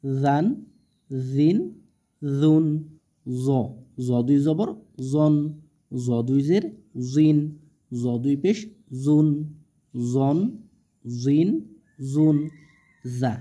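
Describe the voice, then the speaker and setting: A man with a Bangladeshi Bengali accent teaching Quran reading in a slow, patient lesson, drawing out each syllable and checking in with the learner. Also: fairly high pitch, steady tone, warm tone. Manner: drawn-out syllables, patient explaining, asks "ঠিক আছে?". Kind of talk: slow step-by-step recitation lesson.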